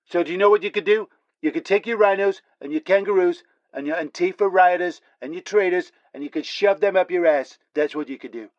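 Brief: a man doing a bombastic conspiracy pundit, fairly high voice, dull lo-fi remote feed. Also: a little fast, no room sound, natural voice. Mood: ranting. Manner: blustering, heckling, repeats the host's name. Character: ranting conspiratorial male pundit. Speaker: political pundit on remote link.

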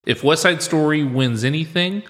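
A man's voice: on the high side, normal speed, fairly bright tone. A man hosting a casual film podcast chat, sounding like he is recording in an empty room. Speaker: podcast host.

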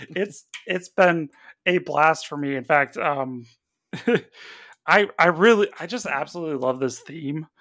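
Bright, excitable podcast co-host. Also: mid-range voice, unhurried, dry recording, studio quality. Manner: enthusiastic, stammering restarts, laughs often. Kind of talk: casual chat.

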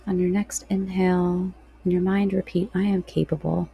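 A woman podcast host leading a guided breathing meditation in a soft, slow, soothing delivery with long pauses. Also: on the low side, flat delivery, gravelly, breathy edge.

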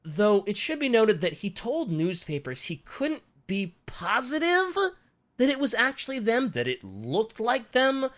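A man's voice: a little high, a bit bright. A man casually retelling a true-crime case on a podcast, swearing, restarting his lines, and slipping into a southern drawl for quotes.

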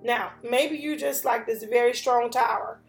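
A woman with a slightly high voice hosts a motivational podcast, earnest and emphatic, returning to the same points again and again. The room is echoey, and faint music plays behind her. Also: unhurried, vocal fry. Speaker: podcast host.

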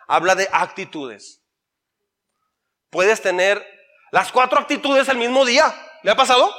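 A man with a Mexican accent, a pastor preaching an animated sermon that swings from loud to soft. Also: sits high.

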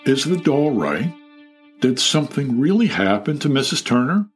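A man narrating a storybook audio drama, posing cliffhanger questions with suspense and dramatic pauses. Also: mid-range voice, big pitch swings, faint music behind, lightly acted. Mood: suspenseful.

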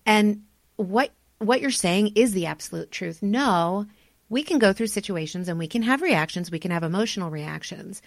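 A woman's voice: medium pitch, animated, normal speed, no room sound. A woman hosting an interview, enthusiastic and affirming toward her guest. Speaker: host. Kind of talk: podcast interview.

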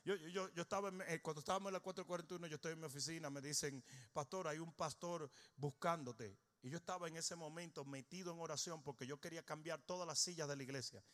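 A male pastor, preaching a humorous sermon that swings from shouting to low, joking storytelling. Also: steady tone, racing, hardly any pauses.

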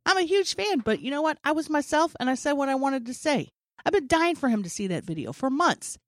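A woman's voice: sits high, animated, brisk, no echo, clean studio sound. A woman co-hosting a podcast, talking candidly and animatedly in casual chat. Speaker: podcast co-host.

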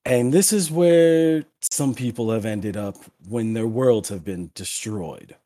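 A man running a tabletop role-playing game as game master, speaking slowly and laughing often. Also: medium pitch, warm tone.

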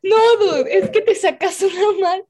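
A woman's voice: very high voice, unhurried. A woman chatting animatedly as a podcast co-host, laughing and mixing in English. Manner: animated, laughing, switches between Spanish and English. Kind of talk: casual chat.

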